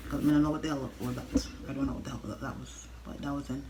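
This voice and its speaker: A young woman telling a casual, animated storytime rant, blunt and exasperated, swearing freely as she talks straight to viewers. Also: extremely low pitch, fast, background noise. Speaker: storytime vlogger.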